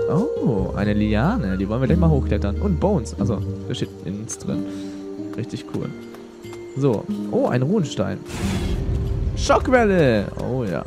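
A young man commentates a video game casually. His pitch jumps around a lot as he rambles in slang, thinking aloud, with game music behind him. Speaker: let's player.

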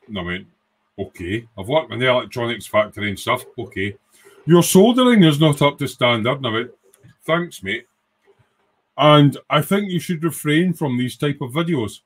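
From his small home workshop, a hobbyist in his sixties with a Scottish accent hosts an informal, rambling livestream chat. His medium-pitched voice is sing-song and slightly rough, moving at a normal speed.

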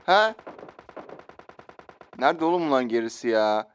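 A man's voice: medium pitch, very animated, unhurried, slight background noise. A man giving live gameplay commentary as a gaming video host, taunting enemies and chatting to viewers. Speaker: gaming YouTuber.

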